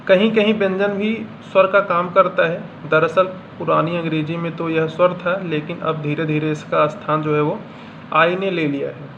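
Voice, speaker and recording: A man teaching pronunciation in Hindi, reading out example words one at a time in a slow, deliberate way. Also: fairly high pitch, steady tone, gravelly. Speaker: English teacher. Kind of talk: classroom lesson explaining pronunciation. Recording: dull lo-fi sound with faint room hum.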